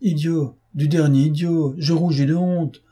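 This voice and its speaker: A man reading an audiobook and voicing a mocking, self-assured gentleman thief with a raised, teasing, theatrical voice. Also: medium pitch, expressive, normal speed, husky.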